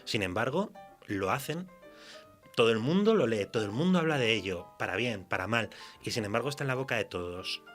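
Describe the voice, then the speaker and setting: A fiction writer from Spain, speaking with a Spanish accent, answers informally in a radio interview and tells anecdotes in a chatty, colloquial way. His mid-range voice is expressive, fairly quick and a bit bright, with faint music behind him.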